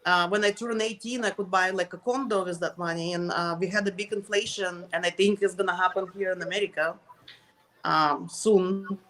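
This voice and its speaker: In a rough recording, a middle-aged woman from Russia, Soviet Union, speaks as an interview guest with a Russian accent. Her voice is low-ish, steady, and a bit bright, and her casual answers are halting as she gropes for English words.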